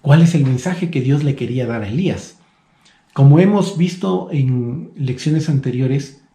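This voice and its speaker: A man in his thirties preaching a soft, earnest, reflective devotional sermon. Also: medium pitch, reverberant.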